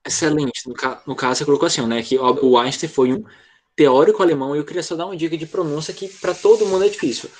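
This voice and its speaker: A male teacher runs an online English lesson over a video call, patiently explaining pronunciation and checking in often. His slightly high voice moves fast, and he repeats "tá?" after each point.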